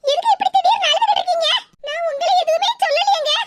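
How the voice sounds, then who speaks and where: Someone voicing a super high-pitched worried cartoon mom with a kanyakumari accent, fast and coaxing. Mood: pleading. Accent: Kanyakumari Tamil. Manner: coaxing, repeats pleas, frets aloud to herself. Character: worried middle-aged wife and mother, fussing and pleading. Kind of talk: cartoon comedy voice acting.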